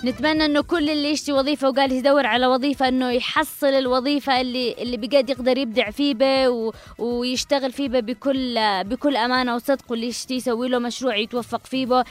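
Quick, high-voiced Yemeni woman radio host. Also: steady tone. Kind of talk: earnest talk radio monologue. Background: music.

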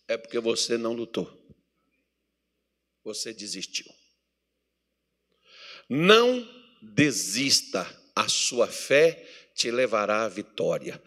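A Brazilian man preaching a sermon as pastor, swinging between loud exhortation and quiet asides, acting out little dialogues. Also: mid-range voice. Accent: Brazilian Portuguese. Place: church meeting hall.

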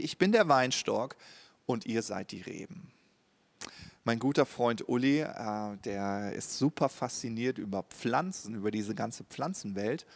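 A man preaching a sermon in an earnest, conversational way, often checking in with his listeners with a questioning "ja?". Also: mid-range voice. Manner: slow, earnest, with frequent rhetorical "ja?".

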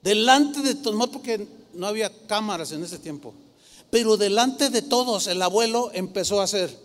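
A man, preaching a sermon as pastor and telling stories in an animated way, putting on the voices of the people in them. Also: high voice, moderate pace. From Mexico. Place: church sanctuary. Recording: long church reverb.

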